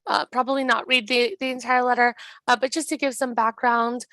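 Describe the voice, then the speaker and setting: A young American woman gives explanatory testimony in a hoarse, strained voice that sits somewhat high. The sound is very dry, with little room around it, and she moves haltingly through her points as she corrects herself. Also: level tone, pushed and bright, dry recording. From Southeast Los Angeles, United States. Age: 20s. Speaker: mayor presenting at a public meeting. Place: indoors on a video call.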